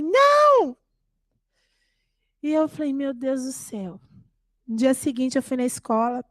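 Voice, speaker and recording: Animated high-voiced Brazilian woman pastor. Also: dry recording. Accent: Brazilian Portuguese. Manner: animated, acts out quoted voices. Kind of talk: sermon with personal stories.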